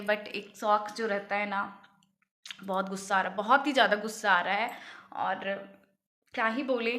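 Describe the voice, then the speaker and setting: Bright-voiced woman vlogger, upset. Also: medium pitch. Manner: chatty, mixing English words into Hindi. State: upset and near tears. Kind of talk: casual vlog talk to camera.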